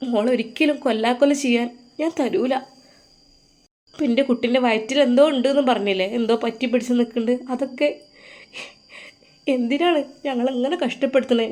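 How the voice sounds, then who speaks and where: A woman's voice: sits high, natural voice. A woman voicing a grieving mother who pleads through tears to protect her daughter. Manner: tearful, pleading.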